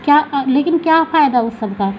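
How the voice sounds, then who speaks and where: A woman teacher explaining a Hindi poem, reading each verse slowly and then paraphrasing it in plain speech. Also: high-pitched, animated. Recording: dull lo-fi recording with faint background hiss.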